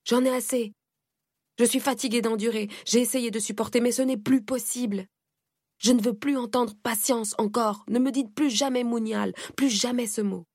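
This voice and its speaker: A woman reading aloud, doing a young wife at the end of her rope, shouting through tears in a high, strained, gravelly voice. Each word is pushed out loud and raw, right up close with no room around it, as in a spoken storybook. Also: steady tone, normal speed, no echo. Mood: desperate. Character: young wife crying out in despair.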